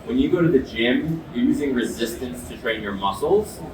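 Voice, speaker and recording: With an expressive mid-range voice at a moderate pace, a man demonstrates an ice bath product, drawing on his sports medicine background to explain it earnestly and emphatically as an expert. The recording is echoey and noisy, captured from a distant mic.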